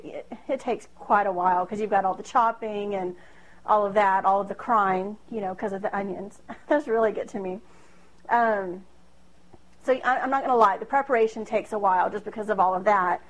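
A thirtysomething woman with a medium-pitched voice hosts a home cooking video, demonstrating a dish at a moderate pace in her small kitchen. She's chatty and self-deprecating, full of fillers and laughter. A camera across the room captures her, and the audio quality is poor.

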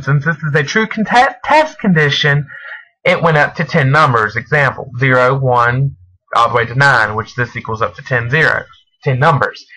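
A man narrating a step-by-step programming screencast, speaking in halting, deliberate phrases as if dictating while he types. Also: on the high side, sharp tone. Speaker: programming tutorial presenter. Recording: noisy home recording with mouse and key clicks. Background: clear background noise, clicking.

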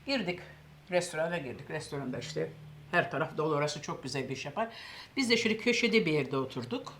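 Older woman, animated storyteller voicing others, faint background noise. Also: low voice, fast talker. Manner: lively storyteller, acts out quoted voices. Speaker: cooking show host telling a story. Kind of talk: casual anecdote.

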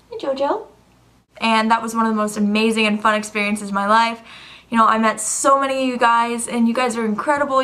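A young woman with a fairly high voice talks casually to her viewers as a video blogger. She is gushing and giggly, with an informal, bubbly delivery. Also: pushed and bright. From Canada. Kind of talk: casual chat to camera.

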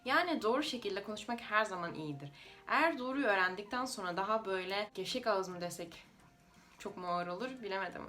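A woman's voice: mid-range voice, lively intonation, brisk, sharp tone, faint music behind. A native Russian woman with a Russian accent explains things informally to viewers in a foreigner's slightly unidiomatic Turkish. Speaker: language-learning video creator.

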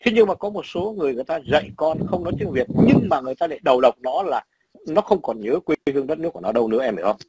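A man's voice: on the high side, very animated, rapid-fire, heavy background noise. A man in his sixties from Vietnam with a Northern Vietnamese accent, telling blunt, profane stories in casual chat. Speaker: emigrant father.

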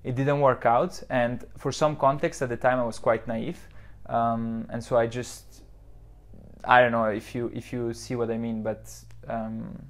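A man's voice: mid-range voice, little pitch movement, a little slow. Young swiss guy, founder talking thru his story on a lapel mic, lots of um and you know. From southern Switzerland. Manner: reflective, many fillers and restarts. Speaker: startup founder, guest. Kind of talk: podcast interview. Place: modern office lounge, indoors.

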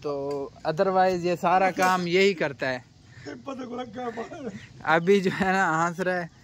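A young Pakistani man vlogs a casual walking tour of an outdoor rural cattle farm, guiding viewers and questioning the workers. His voice sits high and is a bit bright, he speaks slowly, and there's a slight hiss or hum.

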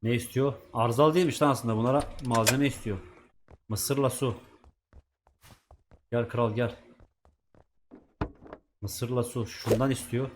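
A man's voice: mid-range voice, steady tone, unhurried, long pauses, background noise. A man giving casual let's-play commentary, chatting to himself and swearing at the game's characters. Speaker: gaming YouTuber.

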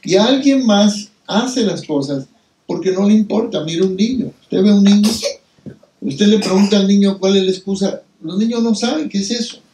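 Preacher, male, high-pitched, animated storyteller. Recorded from a distance. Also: moderate pace, a little hiss or hum. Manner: animated storytelling, acts out quoted voices. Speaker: lay preacher. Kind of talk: sermon-style Bible reflection. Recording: roomy hall, distant mic.

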